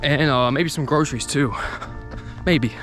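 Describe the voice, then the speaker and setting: A man's voice: mid-range voice, unhurried, fairly bright tone. A man talking casually and unscripted to his viewers while jogging, exerting himself as he speaks. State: exerting, working up a sweat. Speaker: video creator vlogging about the channel. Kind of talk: casual unscripted vlog monologue. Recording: music behind the voice.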